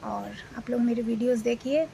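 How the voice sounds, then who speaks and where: Female vlogger, 40s, from India, unwell; relaxed rambling delivery with fillers over faint room noise. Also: fairly high pitch, fairly quick, vocal fry, poor audio. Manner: rambling, with many fillers and restarts. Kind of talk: casual talk to camera.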